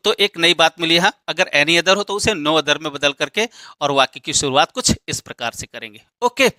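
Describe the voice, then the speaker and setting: A man's voice: fairly high pitch, lively intonation, moderate pace, sharp tone, dry recording. A man teaching an English grammar lesson, explaining step by step and posing questions that he answers himself.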